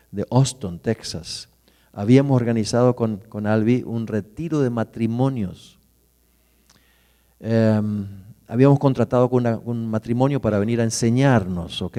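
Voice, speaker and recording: A middle-aged man preaches in a warm, mellow voice. He tells his story vividly, rising loud and dropping to a hush. The recording carries the long reverb of a church hall. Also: medium pitch. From Argentina. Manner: vivid personal storytelling, swings from loud to hushed. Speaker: pastor. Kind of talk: sermon storytelling.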